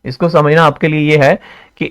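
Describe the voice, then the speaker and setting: A man teaching English pronunciation, repeating example words slowly and asking and answering his own questions. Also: a little high, steady tone, fairly bright tone, smooth. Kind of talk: classroom explanation.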